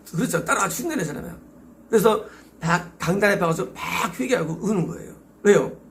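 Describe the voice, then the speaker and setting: A middle-aged man with a Korean accent preaching a sermon as pastor, emphatic and exhorting, with many rhetorical questions. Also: high-pitched.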